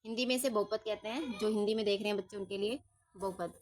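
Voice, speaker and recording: A woman's voice: mid-range voice, fairly even intonation, quick pace, darkish tone. A woman maths teacher working through problems step by step, patiently asking questions and answering them herself. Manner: patient, asks and answers her own questions, says ठीक है often. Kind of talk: step-by-step lesson.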